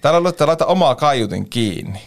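A man co-hosting a webinar over a video call, relaxed and joking as he relays audience comments. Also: medium pitch, gravelly. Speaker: webinar co-presenter. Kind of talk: casual webinar talk.

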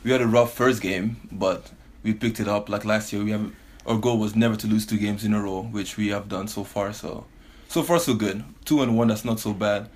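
Relaxed low-voiced man laughing easily. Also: normal speed, few pauses. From Belgium and Canada. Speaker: professional basketball player, guest. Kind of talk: casual interview.

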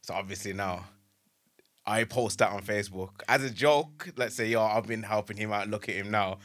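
A man's voice: lowish voice, steady tone, normal speed, a bit bright. A man with an urban London accent in casual conversation, feeling his way through explanations in street slang. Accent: London, urban street English. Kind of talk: casual chat.

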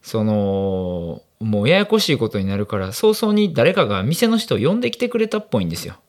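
A man with a Kansai accent telling a story in casual chat, acting out the people in a loud quarrel. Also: fairly low pitch, a little fast. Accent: Kansai Japanese. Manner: animated, acts out loud quarrels. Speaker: regular guest.

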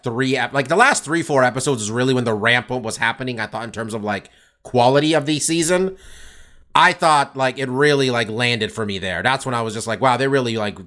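A man's voice: mid-range voice, pushed and bright. A man co-hosting a podcast in casual chat, rambling with lots of fillers and cheerful swearing. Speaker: podcast co-host.

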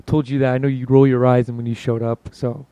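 A man hosting a sports podcast in casual, joking banter, his voice hoarse and worn out from yelling. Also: medium pitch, flat delivery, fast, no echo.

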